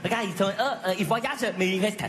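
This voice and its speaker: A high, rapid voice teases and goads, as a man plays a mocking sketch character. The accent is put on for laughs. The sketch audio is noisy and has clicks in it. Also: natural voice. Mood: teasing. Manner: teasing, goading.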